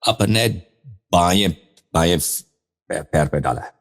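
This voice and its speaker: A deep-voiced man gives a religious lesson on a live web show. He recites Arabic text in measured phrases, then explains it patiently point by point. He often asks rhetorical questions and counts the points off with his listeners. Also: expressive, gravelly, fairly bright tone. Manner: explains step by step, asking and answering his own questions; reads Arabic slowly, then explains it in Urdu. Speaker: religious scholar teaching on prayer. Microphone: studio mic on a live web show.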